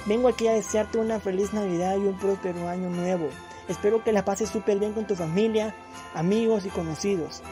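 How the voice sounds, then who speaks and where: A man's voice: sits high, fairly even intonation, brisk. Fervent man with music behind. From Guatemala. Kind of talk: recorded holiday greeting.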